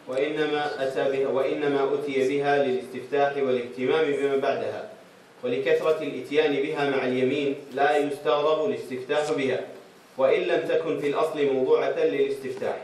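A man reading a classical commentary aloud as a student, in a steady, formal recitation. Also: mid-range voice, quick pace, a little hiss or hum. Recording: distant voice in echoey room.

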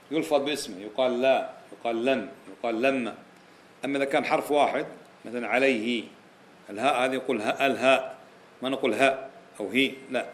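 A religious teacher with a medium-pitched voice gives a Quranic exegesis lesson, explaining point by point. He repeats key phrases and puts rhetorical questions to his listeners, with slight background noise.

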